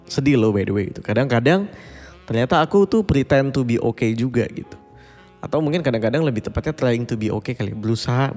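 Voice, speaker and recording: This podcast host is a man in his twenties with a lowish, slightly mellow voice. He talks in a confiding, reflective way on a casual bedtime show, slipping English phrases in. Faint background music plays under long reverb.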